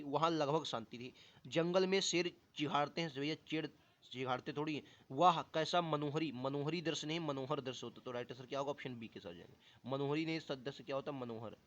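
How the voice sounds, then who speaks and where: A man's voice: on the high side, fairly bright tone. Man teaching grammar answers on dull audio. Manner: reads each option aloud, then corrects it with repeated checks. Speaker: exam coaching teacher. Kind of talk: explaining Hindi grammar questions.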